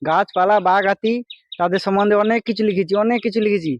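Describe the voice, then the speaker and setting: A man playing a hapless failed high-school student in a comedy sketch, rambling and naive, with a rural West Bengal Bengali accent. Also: fast, dull audio, a little hiss or hum. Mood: aggrieved boasting. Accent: rural West Bengal Bengali dialect. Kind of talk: comedy sketch mock interview.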